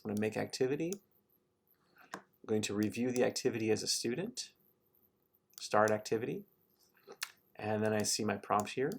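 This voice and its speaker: A man calmly walking through a screen-recorded software tutorial, explaining each step as he clicks through. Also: lowish voice, vocal fry.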